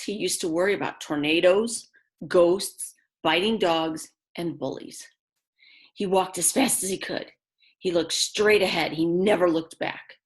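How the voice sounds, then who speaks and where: A woman teacher with a lowish voice reads a children's book aloud, expressive and speaking straight to young listeners with chatty, simple asides.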